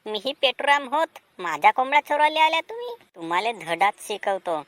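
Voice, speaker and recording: An angry village farmer in a cartoon, furious at thieves and shouting threats, as a woman voices him. He scolds loudly in a Vidarbha Marathi accent. His voice sits a little high for a man. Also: sing-song, moderate pace. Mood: scolding. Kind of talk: cartoon drama voice acting.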